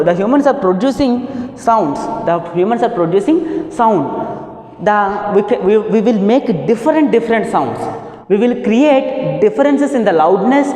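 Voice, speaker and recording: A woman teacher with an Indian English accent giving a physics lesson, repeating key terms slowly and asking then answering her own questions. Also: mid-range voice, warm tone. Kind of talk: classroom lesson. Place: classroom. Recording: echoey room with long reverb.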